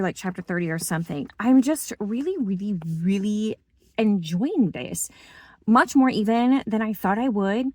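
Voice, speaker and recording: A woman's voice: medium pitch, no room sound. A woman chatting enthusiastically about her reading in a casual book vlog. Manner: enthusiastic, chatty, lots of fillers. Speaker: book vlogger.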